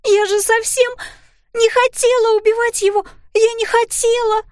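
A terrified little girl sobs and pleads in a voice pitched far above the reader's own, cracking with tears. It sounds like a storybook read in a dry, close room. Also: flat delivery, normal speed, dry recording. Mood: sobbing. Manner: hysterical, pleading. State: crying. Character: terrified sobbing young girl.

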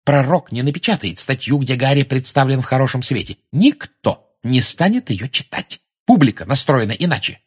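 A cold, scornful woman reporter, put on by a male reader. She talks in a raised, husky voice with lively swings of pitch, businesslike and mocking by turns. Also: moderate pace. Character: sharp, scornful adult female journalist.

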